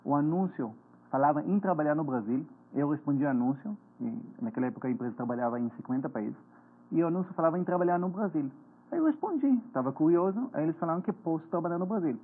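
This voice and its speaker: The voice is on the high side, animated and a touch breathy, belonging to a man in his forties from Israel. As a finance author guesting on a TV interview, he gives earnest, slightly halting explanations in an Israeli accent over tinny, phone-like broadcast audio.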